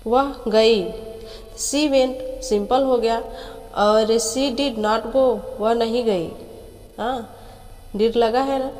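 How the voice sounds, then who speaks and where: A woman teaching English grammar to students, explaining slowly and patiently with homely examples. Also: medium pitch, dark tone, big-room sound, a little hiss or hum, rough recording.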